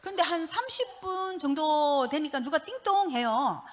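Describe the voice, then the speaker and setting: Lively woman. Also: high-pitched, measured pace. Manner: animated storytelling, laughing often. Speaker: pastor's wife giving testimony. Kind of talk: church testimony.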